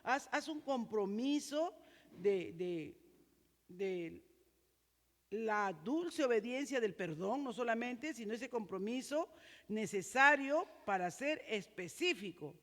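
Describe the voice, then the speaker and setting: A woman pastor with a Peruvian Spanish accent preaching a sermon in a high, strong voice, earnestly asking the congregation questions. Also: lively intonation, slow pace. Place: church. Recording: reverberant church hall.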